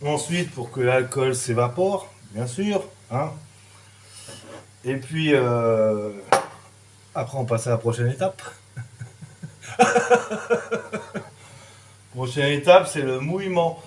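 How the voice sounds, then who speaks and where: This French cooking teacher has a mid-range, slightly mellow voice that is expressive and a little slow, with a faint hiss or hum on the recording. He demonstrates dishes casually, tossing in "hein," "voilà," and sound effects while a pan sizzles in the echoey kitchen.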